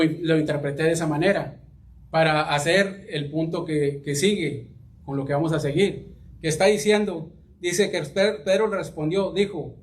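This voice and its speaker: Preacher, fairly high voice. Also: male voice. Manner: halting, repeats words while searching, addresses congregation as brothers. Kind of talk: sermon with scripture reading.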